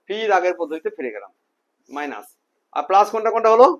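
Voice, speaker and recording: A man's voice: sits high, big pitch swings, quick pace, dull audio. A man teaching a class in a classroom, firing questions at his students and repeating key terms, mixing in English and Hindi. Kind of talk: classroom lecture with student call-and-response.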